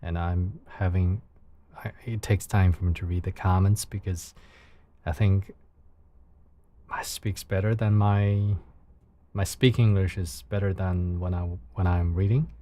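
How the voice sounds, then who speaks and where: This live streamer from China has a deep, mellow, soothing voice and a Chinese accent. He chats casually with viewers, choosing his second-language words carefully as he searches for them.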